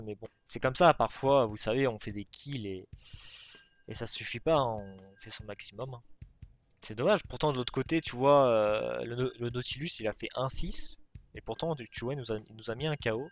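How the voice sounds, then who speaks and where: A man giving live commentary on his own online match, excitable, shouting at plays and then talking himself down, on a desk or headset mic. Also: mid-range voice. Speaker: gaming video host.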